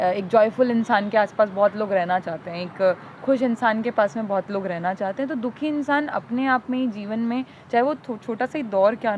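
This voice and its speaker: Earnest woman on a lo-fi podcast. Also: mid-range voice. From India. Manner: earnest, personal, mixes English words. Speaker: podcast co-host. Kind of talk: conversational podcast talk. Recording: dull lo-fi audio with faint traffic noise.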